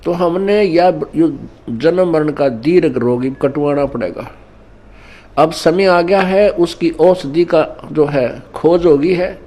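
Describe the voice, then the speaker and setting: A spiritual teacher delivers a Hindi sermon at an ashram gathering, teaching didactically through scripture couplets and parables. His voice is fairly high and dark in tone, and he takes his time.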